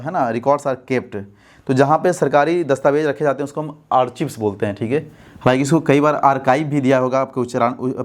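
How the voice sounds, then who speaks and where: Indian guy going through english test answers, keeps asking the class if its clear. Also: medium pitch. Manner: explains step by step, asks students rhetorical checks. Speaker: English teacher. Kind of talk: exam-prep lesson explaining answers.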